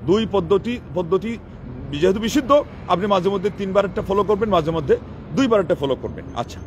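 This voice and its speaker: A man's voice: high voice, animated, fairly quick, a little mellow, a little hiss or hum. A man preaching a sermon, explaining rulings step by step and answering his own questions. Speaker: Islamic preacher.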